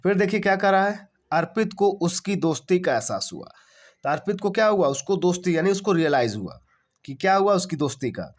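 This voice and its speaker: A man's voice: high-pitched, big pitch swings, a little fast. A man teaching English translation. He asks questions and answers them himself, spells words out letter by letter and repeats each phrase. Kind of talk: translation lesson.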